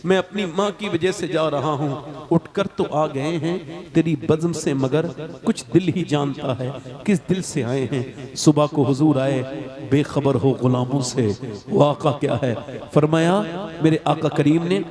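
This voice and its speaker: High-voiced man preaching to a crowd. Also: fairly even intonation, unhurried. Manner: swings from soft, tearful tones to fervent shouting; chants verses in a sing-song lilt. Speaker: Islamic preacher. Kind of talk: emotional sermon with storytelling. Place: religious gathering before a crowd. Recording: crowd audible behind the voice. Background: audience calling out responses.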